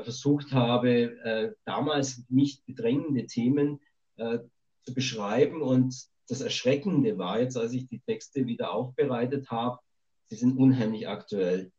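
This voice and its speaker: A man's voice: mid-range voice, a little slow, warm tone. A male author speaking over a remote satellite call line, talking in a rambling, thoughtful way with many hesitations. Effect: remote satellite call line, dull lo-fi sound. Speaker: author being interviewed. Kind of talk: remote podcast interview.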